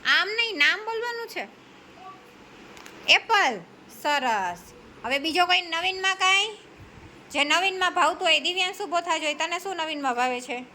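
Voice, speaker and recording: Encouraging preschool teacher woman, very high voice. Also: animated, normal speed, long pauses, bright, forceful tone, slight background noise. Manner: encouraging, calls on children by name and praises each answer. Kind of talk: classroom teaching.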